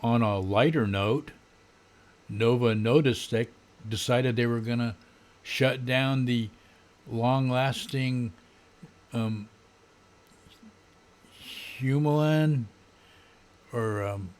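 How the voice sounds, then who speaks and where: An older American man in his seventies giving an unscripted, sardonic, grumbling rant in a halting way, often clearing his throat. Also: medium pitch. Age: older, around 70s. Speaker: political vlogger. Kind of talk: unscripted political rant to camera. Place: small home room, indoors. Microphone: desk condenser microphone.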